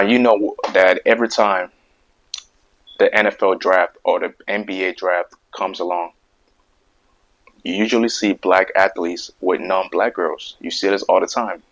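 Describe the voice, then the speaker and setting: Hosting his own video, a man delivers a casual opinion monologue to camera, stuttering, repeating words, and pressing emphatic points again and again. His voice sits low and sounds a bit bright, though the recording is rough.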